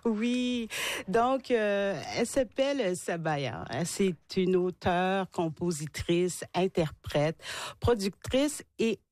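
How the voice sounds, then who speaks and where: A woman's voice: medium pitch, expressive, slow pace, a little mellow, dry recording. A woman co-hosting a radio show, introducing a guest and asking questions with hesitant fillers. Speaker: radio co-host, culture columnist. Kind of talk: radio interview.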